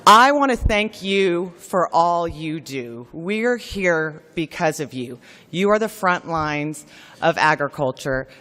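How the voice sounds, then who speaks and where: A woman's voice: low-pitched, animated, slow, fairly bright tone, long reverb tail. Woman, keynote speaker, formal conference speech, earnest, gracious, storytelling.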